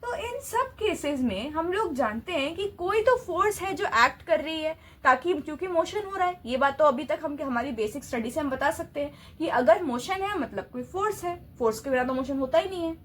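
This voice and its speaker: Woman teacher, high voice, patient classroom explainer who poses questions and restarts phrases. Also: expressive, moderate pace, hardly any pauses, fairly bright tone. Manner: explains step by step with rhetorical questions; mixes English terms into Hindi. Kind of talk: classroom physics lesson.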